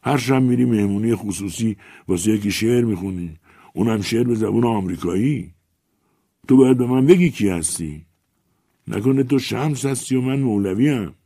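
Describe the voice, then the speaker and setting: A man voicing an indignant older male writer who complains loudly and insistently. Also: fairly low pitch, dry recording, studio quality, pitched above the performer's own voice. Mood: aggrieved.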